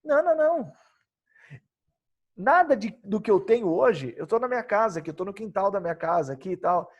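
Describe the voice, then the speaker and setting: A man's voice: high voice, lively intonation, brisk, lo-fi sound. A man with a Brazilian Portuguese accent giving a devotional Bible lesson outdoors in his backyard, emphatic and full of rhetorical questions he answers himself. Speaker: youth devotional speaker.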